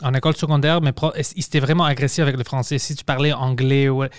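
A man's voice: medium pitch, steady tone, fast talker, clean tone, no echo, clean studio sound. A man born in Quebec, a podcast host chatting casually and swearing offhandedly. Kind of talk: casual conversation.

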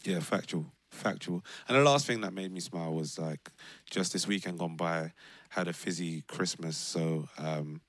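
A man's voice: low-pitched, moderate pace, dry recording. A young man with a London accent co-hosting a podcast among friends, laughing often and repeating words for emphasis. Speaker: podcast co-host. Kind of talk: casual chat among friends.

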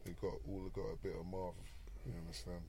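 A man's voice: low-pitched, little pitch movement, a little fast, dark tone, slight background noise. A man with a South London roadman accent, telling stories casually in street slang and often tagging lines with "you get me". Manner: roadman way of talking with frequent "you get me" tags. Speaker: interview guest, former garage MC and rapper.

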